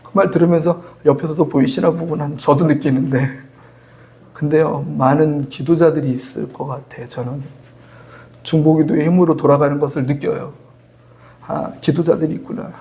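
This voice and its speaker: Gravelly middle-aged Korean pastor preaching. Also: male voice, a little high, normal speed. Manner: animated storytelling, acts out dialogue, laughs often. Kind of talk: sermon. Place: church sanctuary.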